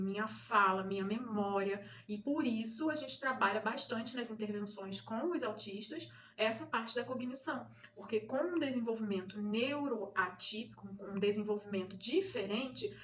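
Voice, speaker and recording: A woman's voice: a little high, a little hiss or hum. A woman from Brazil, a mother and channel host, explaining terms to parents in a patient teaching manner, often checking in with listeners. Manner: didactic, repeats key points, checks in with "né?" and "tá?".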